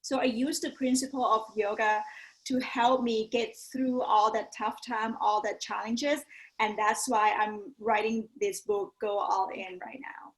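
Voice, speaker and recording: This yoga teacher and business coach, a woman from Thailand whose native language is Thai, is heard on a low-quality recording with a fairly high, fairly even, slightly slow voice and a Thai accent. As an interview guest she gets personal and motivational, frequently tossing in "right?" and "you know."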